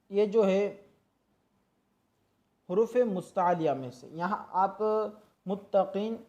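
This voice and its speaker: Mellow-voiced teacher slowly demonstrating recitation. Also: medium pitch, muffled recording. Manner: patient and instructive, drawing out syllables to demonstrate. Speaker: Quran reading teacher. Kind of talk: tajweed lesson, explaining and slowly demonstrating recitation.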